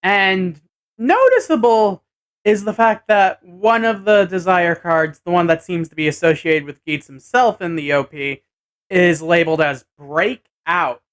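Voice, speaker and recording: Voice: medium pitch, lively intonation, measured pace. A person giving a casual episode recap vlog, hesitantly thinking aloud as they go. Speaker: anime and tokusatsu episode reviewer.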